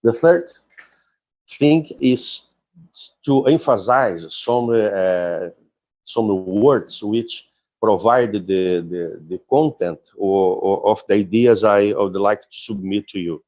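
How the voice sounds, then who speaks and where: A man giving an academic conference lecture, deliberate and explanatory, often halting and restarting his phrases. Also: lowish voice, darkish tone. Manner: halting, with frequent restarts and fillers. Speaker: philosophy professor giving a talk.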